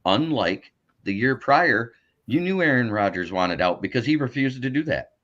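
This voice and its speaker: A man's voice: mid-range voice, lively intonation, normal speed, a bit bright, highs cut off. A man who is a guest on a sports podcast, chatting casually and opinionatedly about football. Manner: opinionated, breaks into mocking impressions.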